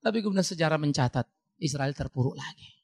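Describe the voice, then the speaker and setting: A male pastor preaching a sermon in an animated, emphatic way, with sudden rises for emphasis. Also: fairly high pitch, fast, breathy edge, no room sound, clean studio sound.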